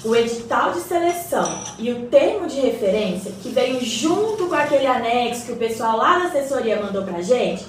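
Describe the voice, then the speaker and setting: A Brazilian woman with a fairly high, sing-song voice plays a well-informed, encouraging neighbour in a radio drama, patiently explaining things in colloquial dialogue while addressing her neighbour respectfully. She talks at a moderate pace with hardly any pauses. The mic is distant, with roomy echo and faint noise.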